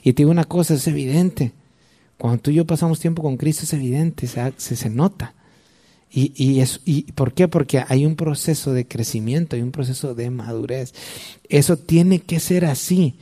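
Man, Mexican accent, forties, pastor giving a relaxed sermon, warm dark tone. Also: a little high, moderate pace, breathy edge. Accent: Mexican Spanish. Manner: conversational, addresses listener directly.

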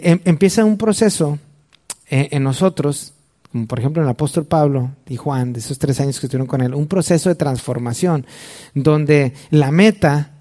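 A man's voice: a little high, dark tone. Mexican man preaching a casual sermon. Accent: Mexican Spanish. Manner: conversational, addresses listener directly. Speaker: pastor.

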